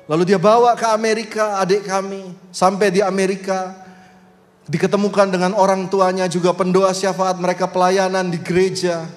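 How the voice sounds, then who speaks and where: A male pastor preaching a sermon, voice surging high and loud on key phrases as he leads the congregation through scripture. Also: flat delivery, moderate pace, in a large hall. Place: church sanctuary.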